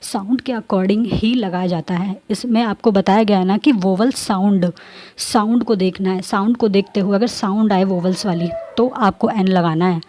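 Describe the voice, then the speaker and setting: Woman teacher w going over grammar, warm low-key voice, keeps repeating stuff and checking the class gets it. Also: fairly even intonation, moderate pace. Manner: repeats points, checks in with students.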